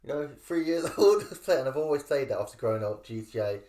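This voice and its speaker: Young bloke rambling thru gaming stories, mid pitch, roomy echo. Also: male voice, lively intonation, brisk, dark tone. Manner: loose, rambling anecdotes with swearing. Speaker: podcast co-host. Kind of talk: casual chat.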